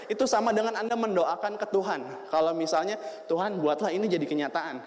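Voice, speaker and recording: A man with a high voice talks to a seminar crowd about business success. He jokes and keeps putting questions to the room. His words echo with the long reverb of a large hall. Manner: lively, jokey, asks the crowd questions. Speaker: motivational speaker at a business seminar. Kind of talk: seminar talk to an audience.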